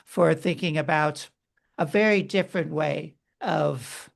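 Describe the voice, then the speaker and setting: A man's voice: a little high, a little slow, gravelly. A man, a guest author, explaining history and ideas at length in a podcast interview. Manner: explanatory, lecturing.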